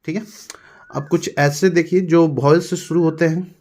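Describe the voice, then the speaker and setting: A male teacher with a Hindi accent explaining grammar step by step, repeating words slowly. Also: a little high, fairly even intonation, a little mellow. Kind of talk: classroom lesson.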